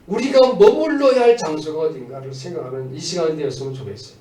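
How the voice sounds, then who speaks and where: Soft background music plays as a man with a fairly high, warm, expressive voice preaches fast at a Sunday church service. As pastor he exhorts listeners, shifting between emphatic proclamations and conversational asides, recorded indoors with a distant mic and echoey acoustics.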